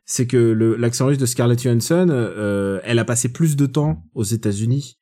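A man's voice: mid-range voice, normal speed. Chatty man reviewing films. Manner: opinionated, chatty, gently teasing. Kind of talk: casual film review chat.

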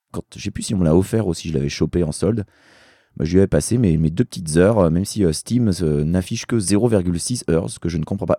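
A man with a very deep, soft-toned voice that is worn and hoarse from yelling, recorded close and dry. He sounds tired and rambles casually as a talk show guest, with dry, self-deprecating jokes. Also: no room sound.

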